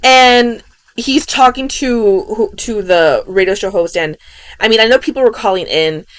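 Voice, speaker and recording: A woman's voice: fairly high pitch, a little slow, no room sound. A woman podcast host retelling a strange case in a loose, casual way, full of "you know" and "um". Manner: rambling, filled with "you know" and "um". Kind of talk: casual true-story retelling.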